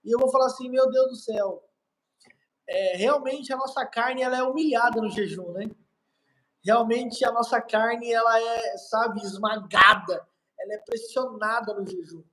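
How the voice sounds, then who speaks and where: Emphatic Brazilian pastor preaching. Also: male voice, very high voice, moderate pace, pushed and bright, rough recording. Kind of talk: preaching on a live stream.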